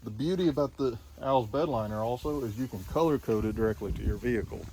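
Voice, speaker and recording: A man's voice: medium pitch, fast, background noise. Rambling plain-spoken man outdoors. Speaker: vlogger. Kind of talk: casual how-to vlog. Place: outdoors by a truck.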